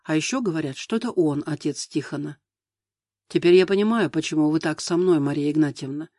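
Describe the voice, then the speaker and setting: A man voicing a calm, defiant young wife in an audiobook, speaking quietly and coolly. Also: a little high, brisk, dry recording, studio quality, natural voice.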